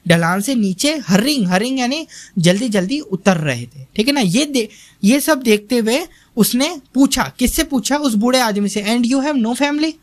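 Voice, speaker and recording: Young male teacher, measured slow delivery, questions the class as he explains, close dry mic. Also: very high voice, lively intonation, dry recording. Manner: reads English lines very slowly, then explains in Hindi with quiz-style questions. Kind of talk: slow line-by-line textbook lecture.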